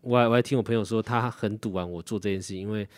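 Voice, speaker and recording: A man co-hosting a podcast, telling stories in a lively, cursing way and acting out what others said. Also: on the low side, very fast, dry recording. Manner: animated storyteller who swears and acts out quoted friends. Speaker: podcast co-host. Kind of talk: casual chat.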